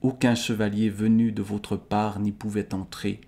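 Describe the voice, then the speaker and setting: A wary royal sister, fearful and pleading, as a man reads her aloud in his own slow, gravelly voice. The delivery stays low and unhurried, with a Swiss French accent. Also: flat delivery, dark tone. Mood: cautious.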